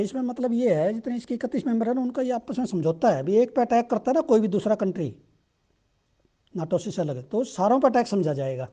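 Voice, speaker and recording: A man with an Indian accent, teaching exam questions in a conversational way and reading statements aloud slowly. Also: sits high, mellow. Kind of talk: explaining current-affairs exam questions.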